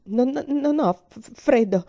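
A woman's voice: on the high side, lively intonation, slow, mellow, no room sound, muffled recording, voice pushed up. Woman doing a stammering, terrified little girl. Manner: stammering, pleading. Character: frightened little girl, homesick and sobbing.

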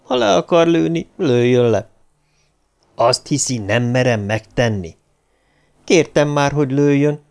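A man's voice: mid-range voice, animated, creaky, pauses often, clean tone. A male audiobook reader voicing a defiant young man who accuses his enemy in a raised, heated voice. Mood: heated accusing.

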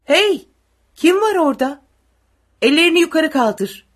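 A woman voicing a brutal tall male soldier who barks threats and orders, with a husky voice. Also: medium pitch, expressive, normal speed, darkish tone. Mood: barking threats.

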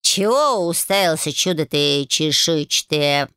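A woman's voice: sits low, fairly even intonation, normal speed, gravelly, clean tone, no echo, clean studio sound. A woman voicing a grumpy, cheeky male talking cat who grumbles and bosses people around in a storybook reading. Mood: scolding.

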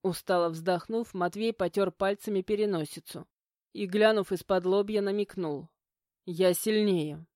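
A woman's voice: mid-range voice, moderate pace, darkish tone, no room sound, studio quality. Woman narrating an audiobook dramatically. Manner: emotional, dramatic reading. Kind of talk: first-person audiobook narration.

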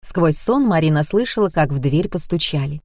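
A woman narrating an audiobook in a lively storytelling way, close to the mic. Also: sits low, moderate pace, no echo. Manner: lively storytelling with many character voices.

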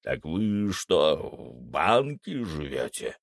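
A man voicing a gruff old male werewolf in an audiobook, with a slow, growling, suspicious way of talking. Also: a bass voice, big pitch swings, no room sound, clean studio sound, voice pushed down, heavily acted. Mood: wary. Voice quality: gravelly, growling. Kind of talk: audiobook character voice.

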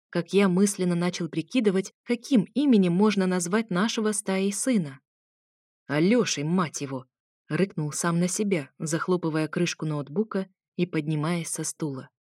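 A woman narrating a first-person story with a wry, conversational delivery. Her voice sits on the low side, recorded close and dry with no room sound. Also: a little mellow, no echo. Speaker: audiobook reader.

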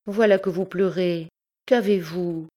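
A woman's voice: fairly low pitch, fairly even intonation, measured pace, dark tone, pitched above the performer's own voice. A woman reading an audiobook voices a pale, ailing young courtesan, bitter yet tender, with a lilting, slightly bitter manner. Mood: coaxing.

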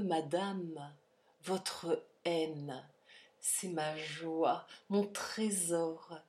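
A woman voicing a cold, ironic male count who threatens with smooth, polite cruelty, in an audiobook reading. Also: mid-range voice, a little mellow. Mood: gloating.

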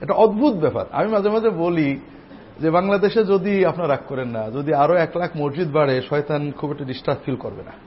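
Imam giving friday sermon, high voice, dull lo-fi sound w faint hiss. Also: male voice. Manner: teaching, addressing the congregation directly; slow chanted Arabic opening. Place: mosque. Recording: dull lo-fi recording with faint noise.

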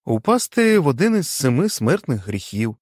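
A man voicing an earnest male doctor who speaks slowly and reverently in a storybook reading. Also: mid-range voice, very animated, dry recording, clean studio sound, pitched above the performer's own voice. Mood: explaining.

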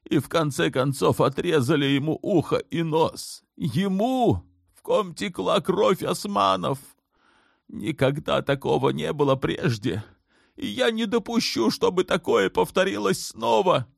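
A man's voice: sits high, vocal fry, dry recording, clean studio sound, voice pushed up, full character voice. A man voicing the sultan's mother in an audiobook, an older woman who speaks firmly and measuredly, clipped when pressed. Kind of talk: audiobook character voice.

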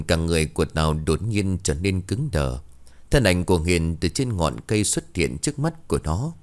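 Deep-voiced man narrating a horror story. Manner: dramatic, expressive storytelling.

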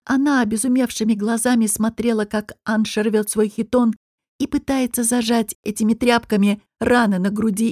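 Woman narrator, slightly high voice, slow measured reading, dry close sound. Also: darkish tone, no echo. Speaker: audiobook narrator. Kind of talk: scripted narration.

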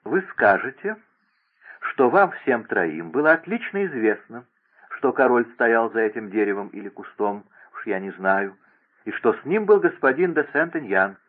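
A man's voice: mid-range voice, lively intonation, moderate pace, lightly acted. A man reading aloud and voicing an imperious, scheming young princess who gives orders in a raised, insistent voice. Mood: commanding. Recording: tinny phone-like radio broadcast.

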